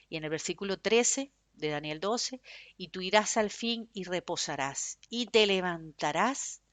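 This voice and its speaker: A woman preaching a fervent, emphatic sermon in Spanish with a Venezuelan accent, speaking in a loud tone. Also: on the low side, no echo.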